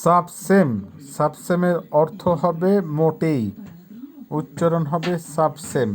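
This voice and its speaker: A man teaching a vocabulary lesson, saying each word, giving its meaning, and repeating it slowly for pronunciation. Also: a little high, flat delivery. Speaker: language teacher.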